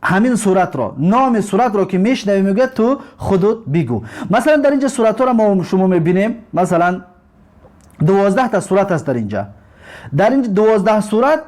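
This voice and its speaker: A man with a fairly high voice gives a recorded Arabic lesson, explaining patiently. He says each term slowly, then repeats it with its meaning. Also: a little mellow. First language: Tajik. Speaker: Arabic language teacher.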